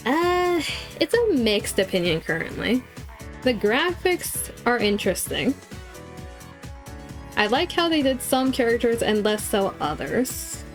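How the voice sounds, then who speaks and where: A woman streamer chatting to her viewers during a live game stream, with a cute, bubbly anime-streamer delivery. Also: mid-range voice. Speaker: VTuber streamer. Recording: music in the background. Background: game music.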